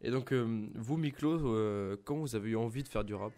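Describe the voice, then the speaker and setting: A man playing a polite music journalist in a role-play interview, asking formal, halting questions. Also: medium pitch, dark tone, natural voice.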